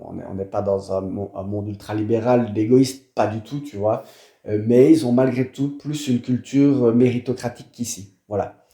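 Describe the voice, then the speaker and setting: Homme belge à la voix sourde, pièce résonnante. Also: male voice, on the low side, fairly even intonation, normal speed, warm tone, reverberant. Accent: Belgian French. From Wallonia, Belgium. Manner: hesitant, many fillers and repeated words. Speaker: guest. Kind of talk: casual conversation.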